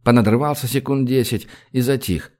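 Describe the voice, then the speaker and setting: A man narrating an audiobook in a measured, even storytelling voice, shifting his pitch for the characters' dialogue.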